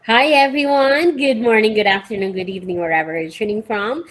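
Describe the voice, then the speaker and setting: Energetic woman from the Philippines. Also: fairly high pitch, brisk, rough recording. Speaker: panel guest. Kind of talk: self-introduction. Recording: faint background noise.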